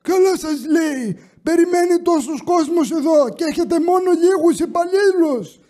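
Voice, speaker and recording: A man's voice: very high-pitched, mellow, pitched above the performer's own voice. A man voicing a grumpy elderly grandfather who joins in a complaint. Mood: grumbling. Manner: slow grumbling complaint. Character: grumpy old grandfather spoiling for a fight.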